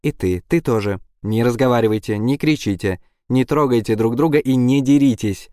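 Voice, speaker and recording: A man's voice: mid-range voice, normal speed, dark tone, dry recording, clean studio sound, pitched above the performer's own voice, close to an everyday voice. A man voicing a bossy teenage girl who orders others around with exasperation, in an audiobook. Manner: commanding, exasperated.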